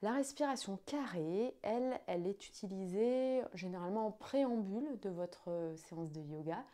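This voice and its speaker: A woman's voice: mid-range voice, animated, normal speed, warm tone. A woman speaking as a yoga teacher, giving an instructional explanation to students.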